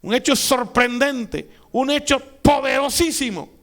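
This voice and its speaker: High-voiced man preaching a sermon. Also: a little slow. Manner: preaching with rising emphatic peaks and quiet asides. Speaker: pastor.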